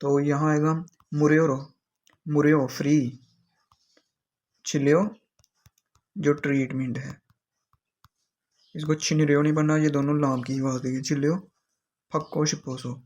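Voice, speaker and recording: Male teacher, even flat delivery, slow repetitive explanations. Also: fairly high pitch. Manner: explains each word slowly and repeats it. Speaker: Korean language teacher. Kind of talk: explaining vocabulary in a lesson.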